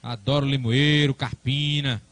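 Bright-voiced football commentator, male. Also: medium pitch, steady tone, a little slow. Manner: chatty, colloquial. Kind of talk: live football match commentary.

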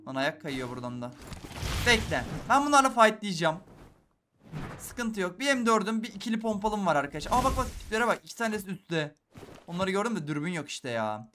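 Bright, high-voiced young gamer. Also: male voice, fairly quick, a little hiss or hum. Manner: excitable, talks to viewers while playing, swings between hushed and loud. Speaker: gaming YouTuber. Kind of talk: live gameplay commentary.

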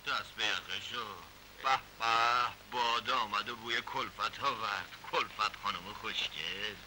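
A man's voice: fairly low pitch, close to an everyday voice. A man voicing a wisecracking captured spy. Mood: mocking. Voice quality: joking, mocking banter. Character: cocky wisecracking male spy agent. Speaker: captured secret agent. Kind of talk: dubbed 1960s comedy film acting. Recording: loud hiss of old film soundtrack.

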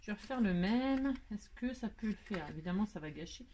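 Her voice is medium-pitched, mellow and fairly quick, with lively intonation, over slight background noise. The French host of this hands-on crafting tutorial mutters to herself, mixing exasperated sighs and asides with small laughs.

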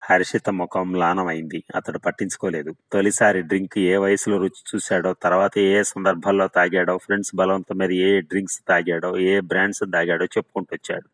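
A man reading a novel aloud in a steady, measured narration. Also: low-pitched, dry recording, rough recording. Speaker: audiobook narrator.

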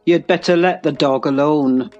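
A woman's voice: low voice, steady tone, a little fast, a little mellow, highs cut off, faint music behind. A woman voicing a surly growling farmhouse master. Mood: gruff. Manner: curt and growling. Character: surly gruff man, master of a lonely farmhouse.

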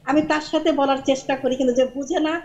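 A woman's voice: sits high, steady tone, quick pace, a little mellow, muffled recording. A woman from Barishal joining a TV talk show by video call, chatty and repeating herself as she tells stories. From Barishal, Bangladesh. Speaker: call-in guest. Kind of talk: casual chat on a video call.

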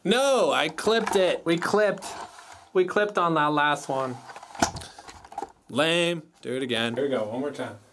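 Speaking at a measured pace and pausing often, this man has a voice on the high side. He's a music producer making a chatty, self-mocking vlog in his home studio beside a mixing desk, captured by a distant mic with a little background noise.

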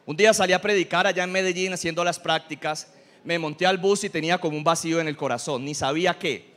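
A middle-aged man preaching a sermon as pastor, humorous and animated, asking the congregation questions. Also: fairly high pitch, fast talker.

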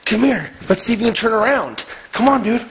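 A woman's voice: a little high, lively intonation, a little fast, slight background noise, low-quality recording. Woman coaxing a baby in playful talk. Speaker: mother. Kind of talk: casual family vlog.

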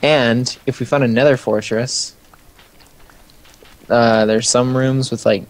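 A man's voice: medium pitch, fairly even intonation, slow pace. Easygoing man explaining while gaming. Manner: explains game mechanics, laughs often. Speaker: player. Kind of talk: casual gaming chat.

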